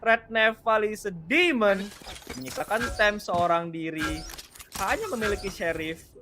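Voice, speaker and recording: Indonesian man, high voice, excited esports game announcer, dramatic phrasing, English mixed in, faint game gunfire behind. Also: measured pace, slight background noise. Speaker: esports caster. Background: gunfire and clicks from game.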